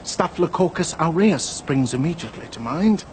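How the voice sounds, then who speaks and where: A man's voice: a little high, expressive, normal speed, a little mellow, slight background noise, close to an everyday voice. A man playing a pompous, officious inspector in a soap drama, speaking in formal, precise, long-winded phrases. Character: pompous, pedantic male inspector, primly officious.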